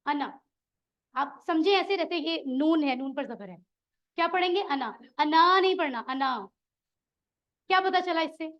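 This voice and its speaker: High-voiced woman teaching a class. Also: expressive, normal speed, muffled recording. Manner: encouraging, asks the class questions. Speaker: Quran Arabic teacher. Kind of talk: classroom lesson.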